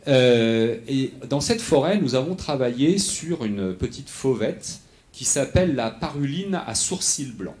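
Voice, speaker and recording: A man's voice: mid-range voice, expressive, unhurried, a little mellow. A man giving a lecture, explaining step by step, often restarting and checking in with the audience. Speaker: researcher giving a lecture on animal acoustics.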